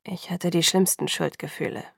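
A woman's voice: fairly even intonation, creaky, no echo, studio quality. A woman whispering as a brooding young vampire lover. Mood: hushed earnest. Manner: hushed, low, slow and earnest. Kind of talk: whispered role-play.

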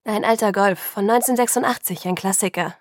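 A woman's voice: mid-range voice, quick pace, no echo, studio quality, natural voice. A woman reading the lines of a cheerful, eager teenage boy in an audiobook, friendly and a little proud.

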